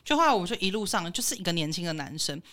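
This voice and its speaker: A young woman with a Taiwanese Mandarin accent rattles off anecdotes in a casual podcast conversation. She speaks extremely fast. Her pitch rises and falls freely as she tells her stories. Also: sing-song, sharp tone. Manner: rapid, chatty anecdotes. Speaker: podcast co-host. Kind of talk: casual chat.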